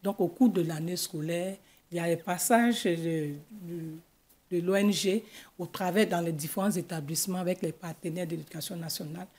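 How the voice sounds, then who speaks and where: A middle-aged woman with an Ivorian French accent, a school guidance counselor explaining things in a measured way in a TV studio interview. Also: fairly low pitch, a little mellow, slightly rough. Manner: measured, explanatory, gestures with her hands. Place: TV news studio. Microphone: desk microphone.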